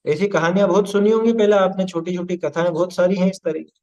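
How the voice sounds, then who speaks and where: A man's voice: high-pitched, fairly even intonation, fast, darkish tone, poor audio. A man teaching a scripture class, explaining patiently and checking understanding with rhetorical questions, now and then reciting Sanskrit verses. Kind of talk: scripture study discourse.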